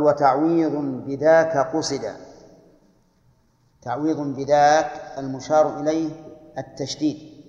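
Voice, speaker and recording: A man's voice: medium pitch, darkish tone. An older man teaching a grammar lesson, reciting lines of verse and putting questions to his students before he answers them. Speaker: scholar teaching Arabic grammar. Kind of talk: classroom lesson explaining verse. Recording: echoey hall, dull lo-fi archive tape.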